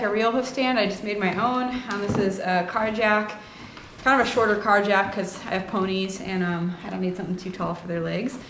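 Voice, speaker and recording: A young woman with a medium-pitched, slightly bright voice explains hoof trimming casually while working, thinking aloud in short, halting phrases. The indoor barn has a concrete floor, and clear rasping and tool clatter run under her words.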